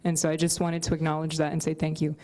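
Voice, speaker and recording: A woman chairing a community board meeting, measured and reflective, dropping in "right?" asides. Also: sits low, completely flat delivery, dark tone.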